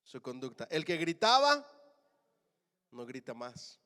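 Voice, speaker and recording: A man preaching a sermon as pastor, calling the congregation to answer back and swinging between loud and soft lines. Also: medium pitch, big pitch swings, takes it slowly, long reverb tail. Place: church.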